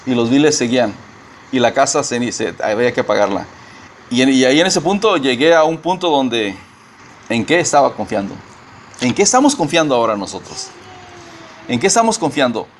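A man preaching a sermon as pastor, speaking haltingly with many repeated words and a few English phrases mixed in. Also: mid-range voice, animated, slight background noise.

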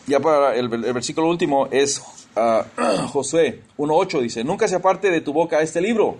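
A man's voice: on the high side, animated, normal speed, darkish tone. A man preaching an informal sermon, talking conversationally, asking his listeners questions, stumbling and restarting, and tossing in English exclamations. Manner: conversational, addresses listeners as brothers, asks questions.

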